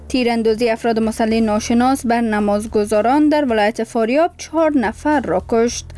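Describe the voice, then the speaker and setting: A woman with an Afghan accent reading radio news headlines in a solemn, formal, measured manner. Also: fairly high pitch, a little mellow. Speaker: newsreader. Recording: radio broadcast with music behind. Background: music.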